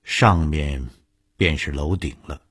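A man reading a suspense story aloud for a radio serial, measured, dropping to a hush in tense moments. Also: very deep voice, breathy edge, no echo, clean studio sound.

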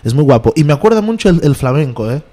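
In a relaxed radio chat, this guest musician from Portugal, whose native language is Portuguese, speaks with a Portuguese accent, often pausing and repeating words as he searches for the right ones. His voice is on the high side, mellow, fast, and very animated.

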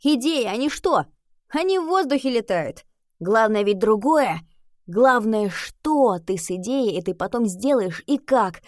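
An earnest schoolboy who thinks himself a great romantic, declaiming his verse with pompous feeling, voiced by a woman reading aloud. His voice rides a bit high and lively. The sound is dry and close. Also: measured pace, no echo. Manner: eager, pompous when reciting verse. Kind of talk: audiobook reading.

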